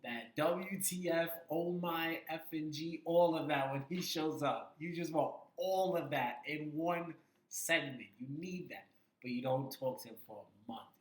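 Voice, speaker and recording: A man's voice: on the high side, unhurried. A man co-hosting a casual wrestling podcast, talking with energy and repeating his points for emphasis. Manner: animated, repeats himself for emphasis. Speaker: podcast co-host. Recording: echoey room.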